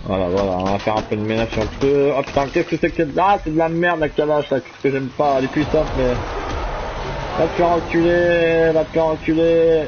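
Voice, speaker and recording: Man, gameplay commentary, curses nonstop, repeats words in panicked bursts, fairly high voice, loud game noise. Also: steady tone, fairly quick, muffled recording. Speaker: gamer playing solo. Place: at home at a game console.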